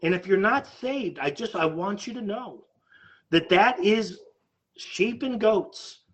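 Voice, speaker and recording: A man's voice: high-pitched, expressive, slow, fairly bright tone, slightly rough. A man preaching a sermon as a pastor, urgent and emphatic, often repeating words as he pushes his point.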